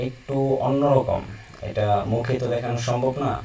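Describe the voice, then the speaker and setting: A man teaching Quran reading, chanting letter-and-vowel drills slowly and explaining in between. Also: medium pitch, fairly even intonation, warm tone, slight background noise. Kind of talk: recorded lesson, slow drilled recitation. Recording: roomy echo from a distance.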